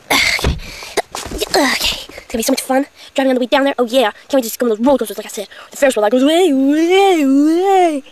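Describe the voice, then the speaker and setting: A woman's voice: sits high, quick pace, slight background noise. A young woman playing a hyper twelve-year-old boy obsessed with sugar, giddy and repetitive in a homemade comedy skit. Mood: excited.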